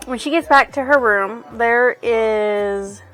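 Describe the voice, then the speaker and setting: A woman's voice: on the high side, slow pace, a bit bright. Woman chatting about a book she's reading, rambly, lots of um and uh, swears a lot, faint music behind. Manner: rambling, swears freely, many fillers. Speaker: book reviewer. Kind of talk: casual book review chat.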